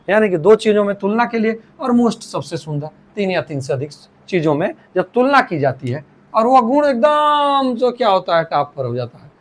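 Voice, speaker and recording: Lively man teaching, slowly spelling out words. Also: high voice. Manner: repeats and restarts, slowly spells out words and dictates English sentences. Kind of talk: classroom grammar lesson.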